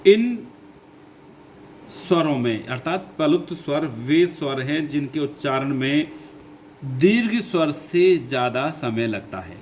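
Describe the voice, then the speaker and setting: A man teaching a grammar lesson who goes slowly, repeats his points and asks his own questions before answering them. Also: on the high side, animated, darkish tone, a little hiss or hum. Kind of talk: classroom lesson explaining grammar.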